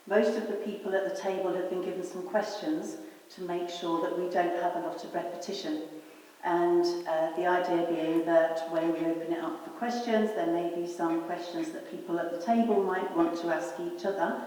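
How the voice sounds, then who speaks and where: A woman's voice: fairly low pitch, fairly even intonation, normal speed, darkish tone. A woman chairing a public meeting, casually explaining the plan and background to the audience. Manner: chatty, informal, explaining. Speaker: event chair. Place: meeting room. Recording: echoey hall, distant mic, hiss.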